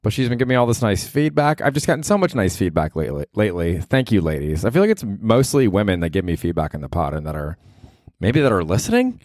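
A man's voice: fairly low pitch, big pitch swings, fast, darkish tone, no room sound, clean studio sound. An American man hosting a solo comedy podcast in casual chat, profane, rambling and self-mocking. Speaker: podcast host.

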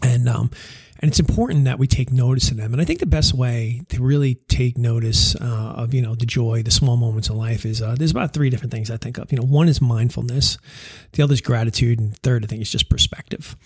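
Husky-voiced man telling a family story. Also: mid-range voice, brisk, hardly any pauses, a little mellow, dry recording, clean studio sound. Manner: rambling, full of "you know" and "right?" asides; chuckles at his own mishaps. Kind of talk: casual personal storytelling turning reflective.

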